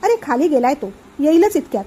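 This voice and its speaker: A woman's voice: high-pitched, big pitch swings, brisk, dark tone. A woman reading a teasing, level-headed young wife. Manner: teasing, jokey.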